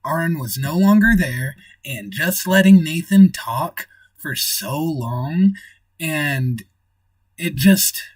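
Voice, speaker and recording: A man's voice: fairly high pitch, animated, slow, husky, no echo, far from the mic. A man hosting a livestream in casual chat, rambling and thinking aloud as he reads the chat. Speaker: livestream host.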